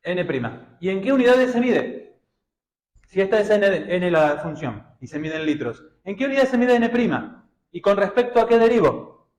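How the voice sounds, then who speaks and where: A man with an Argentine Spanish accent gives a classroom math lecture in a high, lively voice that rises and falls a lot. He keeps questioning his students and checking they follow. The sound is echoey, as in a classroom. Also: moderate pace. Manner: questioning, checks understanding often, colloquial. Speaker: math teacher.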